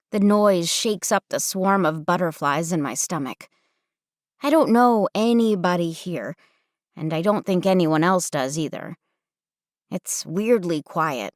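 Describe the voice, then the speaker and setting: A woman narrating a first-person audiobook with wry, expressive storytelling. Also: on the low side, dry recording, clean studio sound.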